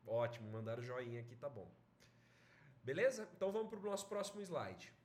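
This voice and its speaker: A man's voice: medium pitch, animated, a little fast, darkish tone, reverberant. A man with a Brazilian accent teaching an online essay-writing class, explaining in a chatty way and checking in with his students. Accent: Brazilian Portuguese.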